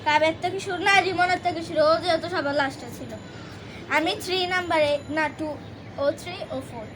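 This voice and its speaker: Young woman, challenge-video host, very high pitch, excitable casual delivery, noisy location. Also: a little fast. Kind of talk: excited casual challenge chat mixing English words.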